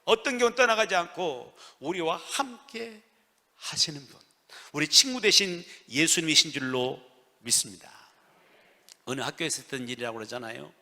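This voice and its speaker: A male pastor preaching a sermon in a church, swinging from soft near-whispers to loud emphatic peaks. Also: on the high side, expressive, normal speed. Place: church sanctuary. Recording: long church reverb.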